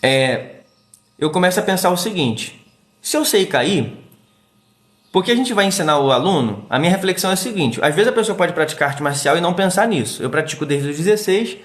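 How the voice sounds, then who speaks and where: A middle-aged man from Brazil, a therapist hosting a casual live stream, talking in an animated way and acting out quick quoted voices. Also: high-pitched. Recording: echoey room.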